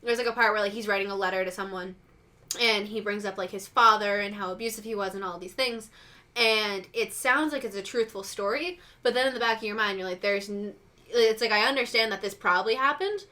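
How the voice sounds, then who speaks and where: A woman's voice: medium pitch, steady tone, brisk, pushed and bright. A woman co-hosting a casual pop-culture podcast, rambling with lots of "like" and acting out reactions in quotes. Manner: rambling, heavy use of "like", acts out reactions in quotes. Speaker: podcast co-host.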